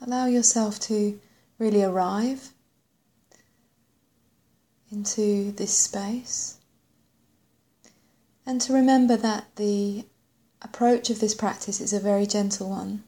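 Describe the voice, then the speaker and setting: Gentle and unhurried, a woman guides a body scan meditation at a medium pitch with fairly even intonation, her phrases fading softly between long pauses.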